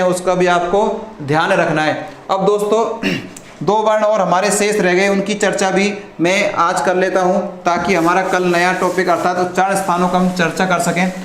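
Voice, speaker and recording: A man teaching a live online lesson, asking the class questions and answering them himself, often clearing his throat. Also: sits high. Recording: echoey room with faint noise.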